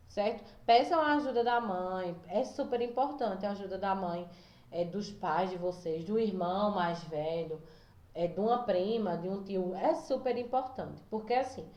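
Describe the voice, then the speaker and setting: A young woman with a Brazilian Portuguese accent, teaching a video lesson to small children, slow and patient, checking in often. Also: medium pitch, a little mellow. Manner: patient, slow, repeats key points with "tá?" and "certo?". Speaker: primary school teacher. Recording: echoey room, slightly dull sound.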